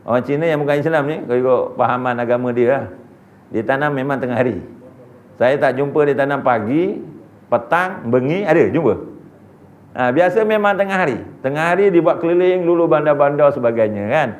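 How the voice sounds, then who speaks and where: A man's voice: medium pitch, fairly quick. A man giving a sermon as a religious preacher, telling stories with humor and often addressing the congregation directly. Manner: animated, humorous storytelling, addresses audience as sirs.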